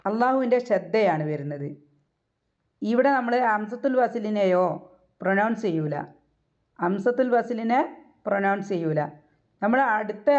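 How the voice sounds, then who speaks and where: Patient, mellow-voiced woman teaching recitation. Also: mid-range voice. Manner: patient, repeats words slowly and asks questions to guide learners. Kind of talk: tajweed lesson. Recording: dull, lo-fi recording.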